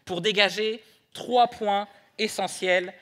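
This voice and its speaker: A man preaching a sermon in church, moving between soft prayer and light humor. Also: sits high, fairly even intonation, takes it slowly. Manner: prays softly then preaches with humor. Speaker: pastor.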